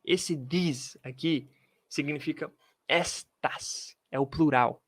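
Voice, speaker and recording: Slow, dry-voiced man teaching English. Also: fairly high pitch, dry recording. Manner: slow, drilling pronunciation with repetitions. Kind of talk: video lesson. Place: room with pens and a globe.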